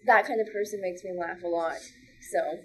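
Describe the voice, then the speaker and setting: A woman's voice: lowish voice, normal speed, a bit bright, slight background noise, poor audio. A woman stand-up comedian chatting casually as a podcast guest, talking loosely with lots of "like" fillers and frequent laughter.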